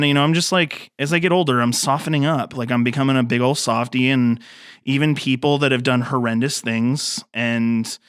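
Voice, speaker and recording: A filmmaker in his thirties who grew up in the mountains rambles casually as a podcast guest, full of fillers and restarts. His medium-pitched voice is a bit bright, clear and resonant, captured in clean studio sound without echo.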